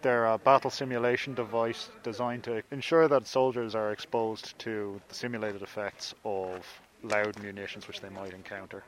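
A man's voice: fairly low pitch, flat delivery, normal speed, few pauses. A man, an army lieutenant, giving formal technical explanations in an interview.

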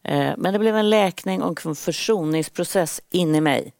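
A woman's voice: on the low side, creaky, darkish tone, dry recording, studio quality. A woman interviewer hosting the talk, asking thoughtful, probing questions. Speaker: interviewer host.

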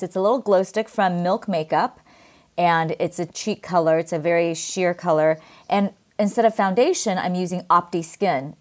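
A middle-aged woman with a Californian Valley girl accent, chatting casually and emphatically as an interview guest. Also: lowish voice. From California, United States. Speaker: podcast guest, skincare brand founder. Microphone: video call.

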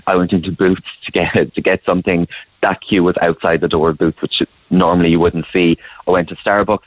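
A man's voice: sits low, no room sound, muffled recording. A man from County Clare with a west of Ireland accent, talking conversationally as a guest on a radio phone-in. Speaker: phone-in guest, showbiz editor.

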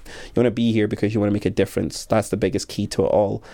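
A man's voice: on the low side, flat delivery, quick pace, vocal fry, mellow. A young man who teaches primary school, talking earnestly and thoughtfully about his work in an interview. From Scotland. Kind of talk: reflective interview talk.

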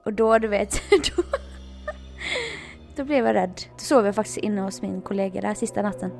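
A woman telling a story in casual chat, animated and laughing often. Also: mid-range voice, creaky, faint music behind.

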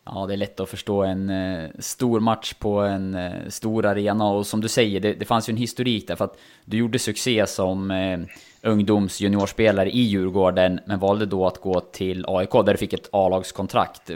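A man with a very low voice leads the interview. He asks questions in a measured way, leaning on fillers between phrases. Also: flat delivery, darkish tone.

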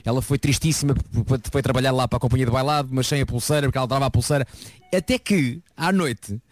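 A man in his forties from Lisbon with a European Portuguese accent, co-hosting a morning radio chat and telling stories in an animated, playful way. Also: mid-range voice, fast talker, no room sound. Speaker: radio co-host. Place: radio studio.

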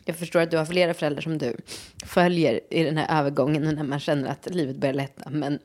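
A woman's voice: sits low, fairly even intonation, darkish tone. A woman in her thirties hosting a podcast, talking candidly and animatedly about life with her baby, laughing often. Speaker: podcast host and new mother. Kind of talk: casual podcast chat.

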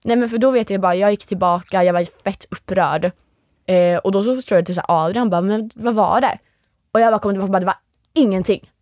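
Animated and full of energy, a young female interview guest, formerly on a reality show, tells a story and voices the lines of the people in it. Her medium-pitched voice has no echo and studio quality.

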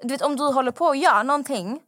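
A woman's voice: high voice, a bit bright. A young adult woman co-hosting a podcast, chatting casually, teasing her co-host and laughing easily. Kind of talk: casual chat.

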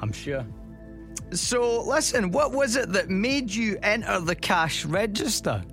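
Scottish radio host, teasing and reassuring. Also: male voice, sits high, big pitch swings, creaky, a bit bright, soft background music. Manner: teasing, reassuring, drawn-out build-up. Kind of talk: radio phone-in call.

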